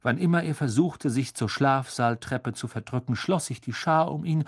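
Ein Mann liest ein Hörbuch ausdrucksvoll und dramatisch vor. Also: male voice, medium pitch, moderate pace, slightly rough, dry recording, studio quality. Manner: expressive, dramatic storytelling. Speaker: audiobook narrator. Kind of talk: scripted audiobook narration.

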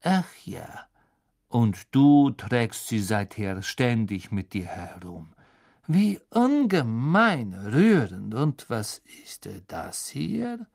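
A man's voice: fairly high pitch, expressive, creaky, pitched above the performer's own voice, full character voice. Snape, a man reading as a sneering schoolmaster. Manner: slow, hissing, contemptuous. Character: cold sneering male schoolmaster, menacing.

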